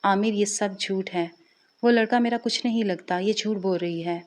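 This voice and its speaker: A woman's voice: medium pitch, natural voice. A woman voicing an indignant young married woman in a spoken story, scolding sharply. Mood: shocked pleading.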